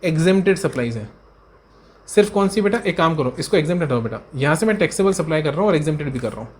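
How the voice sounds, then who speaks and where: High-voiced man drilling exam questions. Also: animated. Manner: brisk, repetitive, answers his own questions in a student's voice; fond, coaxing tone toward students. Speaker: accountancy exam tutor. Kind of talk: exam revision lecture.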